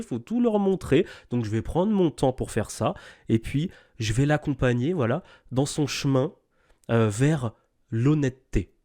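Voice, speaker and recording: A man's voice: mid-range voice, warm tone. A man giving informal, off-the-cuff reaction commentary, scornful and lecturing, checking in with short tag questions. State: sick.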